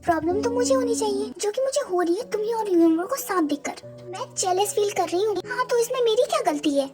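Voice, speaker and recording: A woman's voice: very high-pitched, lively intonation, a little fast. A young reader voicing a jealous, snappy teenage schoolgirl rival, over background music. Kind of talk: fan story voice acting. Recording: music playing behind.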